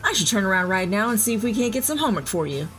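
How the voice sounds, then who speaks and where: A woman plays a loving, teasing mother in an audio drama, narrating the story and talking with her child over background music. Her medium-pitched, slightly bright voice is very animated and rapid-fire, with a playful, reassuring, teasing manner.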